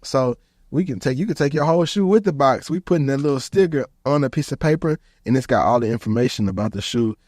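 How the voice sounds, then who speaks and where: A man's voice: medium pitch, fast, no room sound, clean studio sound. Slangy man in his thirties. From Houston, Texas. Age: 30s. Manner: animated storytelling, slangy, repeats "bro". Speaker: podcast host. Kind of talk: casual podcast chat.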